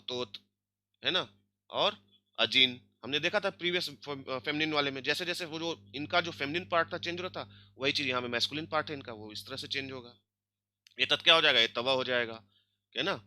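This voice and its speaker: Bright-voiced man teaching grammar. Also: mid-range voice, normal speed. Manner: explains step by step, checks in with "ठीक है" and "है ना". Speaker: language teacher. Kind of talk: online grammar lesson.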